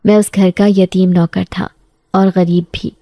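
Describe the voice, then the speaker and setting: A woman voicing a sickly, orphaned young male servant who tells his story in a quiet, resigned tone. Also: fairly low pitch, flat delivery, dry recording. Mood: wistful.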